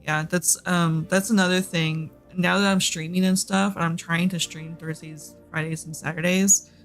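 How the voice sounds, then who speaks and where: A Texas streamer with a Southern accent chats casually and rambles, fillers everywhere, while hosting a reading sprint on a livestream. The delivery is flat, medium-pitched, moderately paced and a bit bright, over faint music, using a desk microphone with the headset off.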